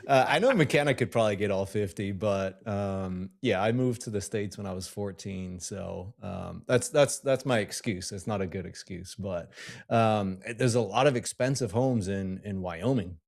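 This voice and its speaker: A man's voice: fairly low pitch, moderate pace, vocal fry. A man from Scotland co-hosting a podcast, asking questions in a casual, self-deprecating way. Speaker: podcast co-host. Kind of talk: casual chat.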